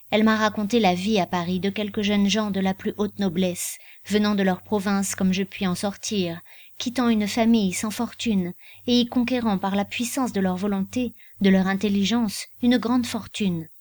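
A woman's voice: medium pitch, dry recording, lightly acted. Woman reading as an earnest young nobleman. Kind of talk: audiobook character reading.

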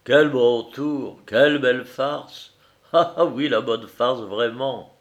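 A man's voice: mid-range voice, takes it slowly, dull audio, natural voice. A man voicing a husband who presses his wife insistently, turning from gleeful to jealous and angry. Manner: insistent, laughing, then stammering and angry.

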